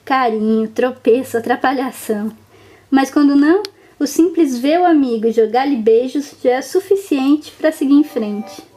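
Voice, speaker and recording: A woman, gently narrating a reflective personal story in short, lingering phrases. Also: high-pitched, moderate pace.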